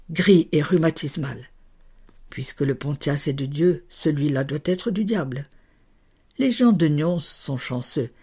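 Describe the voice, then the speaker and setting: A reader tells a legend slowly, in a dark, husky voice. The delivery is deliberate and expressive, dropping into near-whispers at moments. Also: medium pitch. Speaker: audiobook reader. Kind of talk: audiobook reading.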